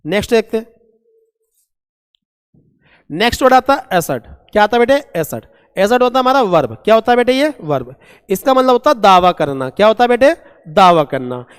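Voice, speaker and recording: A man teaching a vocabulary lesson, asking and answering his own questions and reading English examples out slowly. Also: high voice, big pitch swings, smooth. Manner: asks and answers his own questions, calls students "beta". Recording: long echoing reverb.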